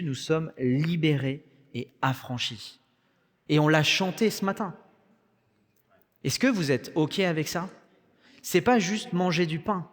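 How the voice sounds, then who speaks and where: A young man with a French accent preaching a sermon in a conversational way, with joking asides. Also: a little high. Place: church hall. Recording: long church reverb.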